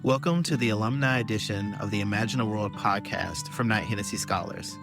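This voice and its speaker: A man reading a scripted podcast intro in a smooth, announcing manner. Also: lowish voice, a little fast. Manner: smooth, read-aloud announcing. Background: guitar music.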